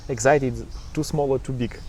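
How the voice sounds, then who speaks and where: A man's voice: medium pitch, steady tone, normal speed, a little mellow, a little hiss or hum. A man conducting a casual business interview, speaking in choppy, non-native English phrasing.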